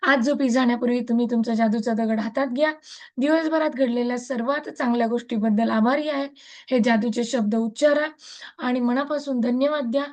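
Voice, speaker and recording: A woman's voice: on the high side, steady tone, fairly quick, a little mellow. A woman with a Marathi accent leading a gratitude practice over a video call, earnest and repeating her thanks in chant-like runs. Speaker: gratitude practice group leader. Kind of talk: guided reading and affirmations. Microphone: laptop mic on a video call.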